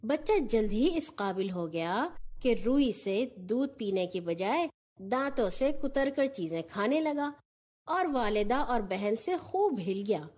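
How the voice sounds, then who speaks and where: Slow-paced, higher-voiced woman storyteller. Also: expressive, a little mellow. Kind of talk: scripted narration of a children's story.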